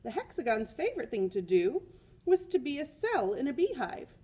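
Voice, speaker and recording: A woman with a slightly high, somewhat husky voice reads a picture book to students at a moderate pace. She is expressive, leaning on key words and repeating them for emphasis, and slips chatty teacher's asides between passages.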